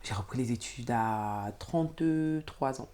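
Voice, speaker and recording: A woman's voice: rumbling low, takes it slowly. A middle-aged woman from Cameroon, telling her life story as a guest and acting out the voices of people in it. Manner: animated storyteller who acts out quotes. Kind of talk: personal storytelling.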